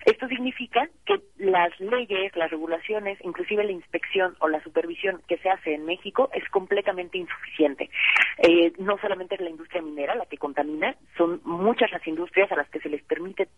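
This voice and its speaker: A woman's voice: fairly low pitch, moderate pace, breathy edge, dry recording. A woman, an environmental campaign coordinator speaking as a phone guest, earnest with many "eh" fillers. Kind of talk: interview over the phone. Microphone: telephone. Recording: tinny phone line.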